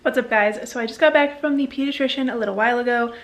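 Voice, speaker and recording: A woman's voice: fairly high pitch, fast, a little hiss or hum. A young woman in her twenties chatting casually to the camera at home, bubbly and rambling. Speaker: vlogger. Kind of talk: casual chat. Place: home, indoors.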